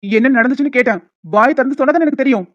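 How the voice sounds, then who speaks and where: A woman's voice: medium pitch, fast talker, a little mellow, no room sound, natural voice. A woman voicing a protective young man who questions firmly and reassures in a cartoon. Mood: demanding. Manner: firm, questioning. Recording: dull lo-fi with music behind.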